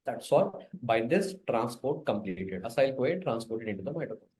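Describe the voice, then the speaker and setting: Male lecturer, Indian accent, mid-pitched. Informal, emphatic teaching delivery that repeats key phrases and mixes in Hindi. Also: very animated, moderate pace, darkish tone, a little hiss or hum. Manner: repetitive, emphatic, often tags phrases with a questioning "sir"; switches between English and Hindi. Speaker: biochemistry lecturer. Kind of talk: informal exam-prep lecture.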